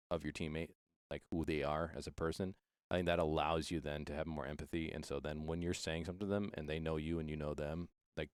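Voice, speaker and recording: A man's voice: very deep voice, smooth, no room sound, clean studio sound. A man coaching an esports team, talking earnestly and reflectively in a casual interview, with fillers and restarts.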